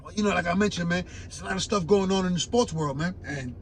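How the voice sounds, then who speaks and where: Raspy-voiced man hosting sports talk. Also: high voice, fast talker, slight background noise. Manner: laid-back, conversational, frequent fillers like "man" and "right". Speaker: sports talk show host. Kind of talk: casual sports commentary. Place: home in Florida.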